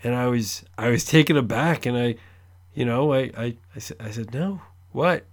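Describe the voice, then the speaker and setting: A man co-hosting a podcast, telling stories in a relaxed, easygoing casual chat. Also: medium pitch, fairly quick. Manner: laid-back storyteller with easy laughs. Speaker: podcast co-host.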